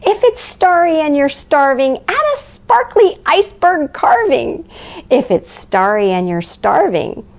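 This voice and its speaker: A woman's voice: high voice, sing-song, measured pace, exaggerated voice. A woman playing a cheerful, grandmotherly Mrs. Claus, reading a picture book aloud to young children in an exaggerated, sing-song way. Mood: playful, lively. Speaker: children's storyteller. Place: living room by a fireplace, indoors.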